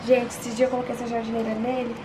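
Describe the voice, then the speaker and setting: A young Brazilian woman with a high voice narrates her family day to her viewers. She talks in a chatty, unhurried way into a handheld camera at home. Steady household noise stays audible behind her. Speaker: vlogger. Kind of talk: casual family vlog narration. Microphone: handheld vlog camera.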